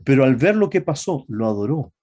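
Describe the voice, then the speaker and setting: A man preaching a sermon to his congregation, often asking them rhetorical questions and pausing on fillers and self-corrections. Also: medium pitch, sing-song, dark tone, muffled recording.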